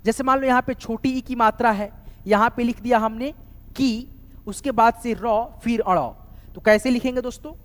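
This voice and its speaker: Speaking at a moderate pace in a very high voice, an English teacher gives a lesson on writing names in an echo-filled room. He spells words letter by letter, often checks on his students, and keeps repeating "doston" and "theek hai."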